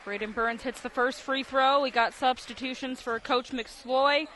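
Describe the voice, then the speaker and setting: A male radio announcer delivers live basketball commentary, describing the action in short, vivid phrases. His voice is very high, bright and forceful, staying steady and unhurried. The live broadcast picks up gym noise, game ambience and a bouncing ball.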